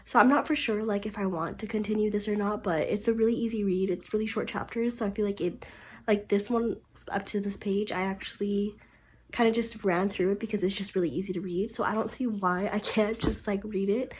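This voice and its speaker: A woman's voice: mid-range voice, fairly even intonation, fairly quick, husky. A young woman with a sick, stuffy nasal voice, chatting casually in a book vlog and rambling with lots of filler words. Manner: rambling, filler-heavy talk with many "like"s. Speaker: book vlogger. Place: at home.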